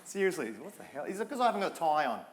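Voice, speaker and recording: A high-pitched Australian man hosts a live stage show with joking, self-mocking banter. His voice rings out with a long theatre reverb, and a faint audience stirs behind him. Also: big pitch swings, racing, crowd noise, background noise. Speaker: host. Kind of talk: live comedy bit and show hosting.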